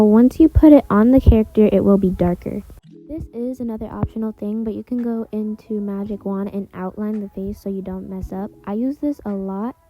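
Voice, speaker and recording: In a mid-range voice on narrow, tinny audio, a woman who creates videos hosts a casual step-by-step tutorial as a voice-over. She's informal and rambling, repeating filler phrases as she goes.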